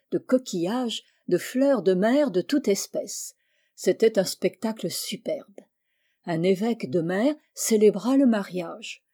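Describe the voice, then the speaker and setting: A woman storyteller reads a fairy tale aloud at a measured, expressive pace. Her voice is mellow and dark, sitting at a middle pitch.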